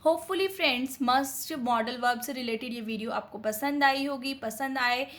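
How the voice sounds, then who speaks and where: A woman with an Indian accent teaching a grammar lesson, who reads out English examples slowly and keeps checking that her students are following. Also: high voice, a bit bright. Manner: explains slowly, reading English examples carefully, then adding quick Hindi asides; keeps checking in with "theek hai?". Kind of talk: explanatory lesson.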